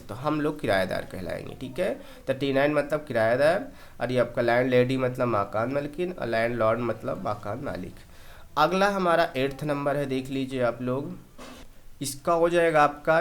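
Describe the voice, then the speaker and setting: A man teaching English vocabulary in a slow classroom style, often checking whether the point is clear and repeating each meaning. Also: medium pitch. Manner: explains slowly, keeps asking "clear?" and repeating meanings.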